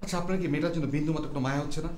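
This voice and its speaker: An actor playing a poor, idealistic writer tenant who speaks in formal, earnest, pleading phrases. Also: male voice, a little high, steady tone, very fast, darkish tone, echoey room, slight background noise, lightly acted. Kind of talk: TV drama acting.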